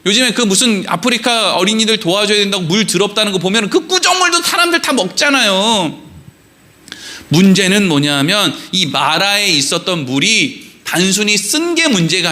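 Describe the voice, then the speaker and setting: A man pastor preaching a sermon in a church, animated and joking with the congregation, acting out quoted voices. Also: high voice, normal speed. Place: church sanctuary.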